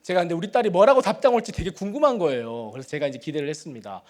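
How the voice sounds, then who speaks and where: Preaching in a church sanctuary, a middle-aged man tells conversational stories about his family that poke fun at himself. His expressive voice sits on the high side and races along, rising to loud, emphatic build-ups before falling to soft, confidential tones.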